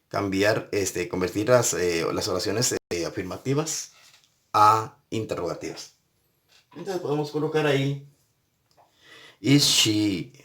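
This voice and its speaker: A man's voice: on the low side, a bit bright. A man teaching an English grammar lesson, patiently repeating and spelling out each step. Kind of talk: recorded classroom lesson.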